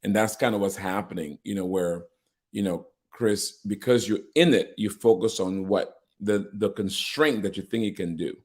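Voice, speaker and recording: A man with a lowish voice speaks at a moderate pace as a podcast host and organization leader. He talks casually, reflecting and thinking aloud, and laughs often.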